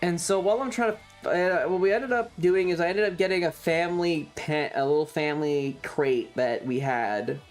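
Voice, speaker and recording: On a livestream, a man who streams tells a casual, meandering story, cursing in frustration and voicing lines of dialogue himself. His slightly high voice runs at normal speed with hardly any pauses, backed by faint music.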